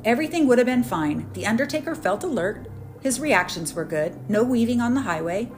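A woman's voice: on the high side, expressive, a little fast, faint music behind. A woman hosting a podcast, narrating a story in a wry, dramatic manner. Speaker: podcast host.

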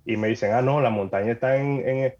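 A Dominican man tells stories in a relaxed podcast chat, his voice at a middle pitch. He acts out every quoted line with animation and laughs often. The audio sounds slightly dull and lo-fi. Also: brisk. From Dominican Republic. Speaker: guest. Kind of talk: lively storytelling in a casual chat.

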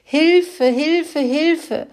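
A woman's voice: expressive, measured pace. A woman squealing as a panicked little pig. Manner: high squealing cries for help. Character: panicking young male pig stuck in mud.

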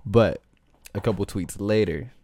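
A man's voice: fairly low pitch, a little slow, mellow, no room sound. A man hosting his own podcast, rambling in loose, slangy casual chat with lots of filler words. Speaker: podcast host.

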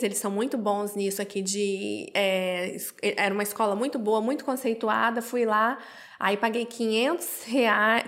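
A Brazilian woman tells her own story in a fairly high voice. She jumps up in pitch whenever she quotes someone, and the talk stays lively and personal. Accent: Brazilian Portuguese. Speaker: interview guest.

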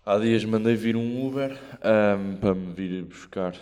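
A man's voice: lowish voice, measured pace, a little mellow. A man with a European Portuguese accent, hosting a podcast and telling stories in a rambling, slang-filled way. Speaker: podcast host. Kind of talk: casual chat.

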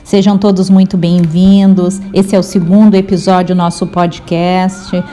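A woman from Brazil hosting a podcast, reading a slow, measured introduction. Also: fairly low pitch, little pitch movement, warm tone, faint music behind. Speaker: podcast host.

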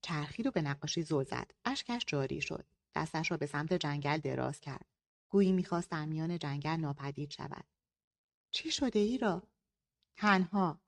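Woman reading a novel aloud. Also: vocal fry. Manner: lightly voices characters, higher and louder for dialogue. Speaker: audiobook narrator. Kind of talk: novel reading with character voices.

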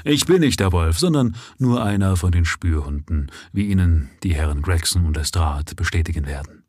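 A sharp, lordly detective, put on by a man reading aloud. He speaks low and measured, with a husky grain, in a dry, close sound. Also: expressive, no echo. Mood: commanding. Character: cool, brilliant male detective, sharp and lordly.

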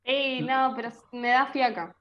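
A lively Argentine woman talking on a podcast, her voice pitched a bit high. She jokes around and speaks freely in relaxed chat. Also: a little slow, lo-fi sound. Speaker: guest. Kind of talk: casual chat.

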